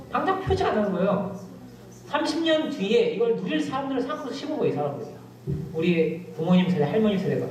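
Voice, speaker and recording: A middle-aged male pastor preaching a sermon, telling stories with lively emphasis that drops suddenly to quiet asides. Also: high-pitched, a little hiss or hum. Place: church sanctuary. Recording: very echoey church hall, distant mic.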